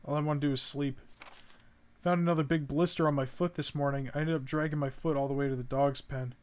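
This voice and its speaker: With a fairly high, steady voice, a fast-talking man streams a horror game. Easily startled, he swears at the jumps, reads notes aloud, and finds the grim text funny, all while commenting casually.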